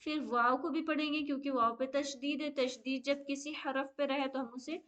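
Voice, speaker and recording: A woman with a high, steady, fairly bright voice teaches an online lesson on the rules of Quran recitation. She explains each step patiently, often says okay, and chants the Arabic slowly and drawn-out.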